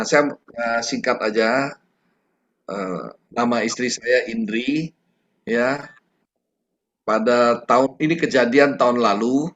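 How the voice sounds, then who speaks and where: A middle-aged man giving a personal testimony at a prayer meeting, talking in a halting, conversational way with many fillers and restarts. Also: mid-range voice, fairly bright tone. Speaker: testimony giver.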